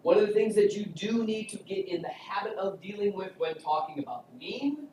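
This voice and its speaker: Guy teaching stats, kinda high voice, jokey and chatty, echoey room picked up from far off. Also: animated, a little fast, dark tone, slight background noise. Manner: joking, chatty, asks class questions. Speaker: statistics instructor. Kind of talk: casual classroom lecture. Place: classroom. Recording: echoey classroom recorded from afar.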